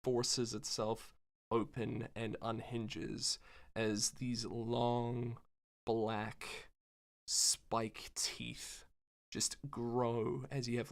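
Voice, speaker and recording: A man narrating as game master of a tabletop game, describing the action with many pauses and fillers. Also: medium pitch, gravelly.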